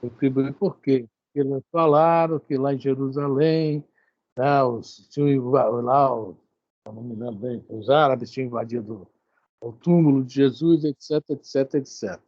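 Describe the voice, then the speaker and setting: A man's voice: mid-range voice, steady tone, normal speed, darkish tone, no room sound, highs cut off. A man with a Brazilian Portuguese accent leading a religious study group, commenting casually and rambling a little between thoughts. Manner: conversational, rambling with fillers.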